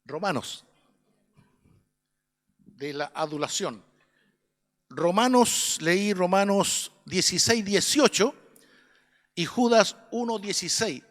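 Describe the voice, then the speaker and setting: In a large hall, a man with a high, expressive voice and a Chilean Spanish accent speaks slowly with frequent pauses. He teaches an adult Sunday school class in a church classroom, earnest and preachy, often checking that his listeners agree.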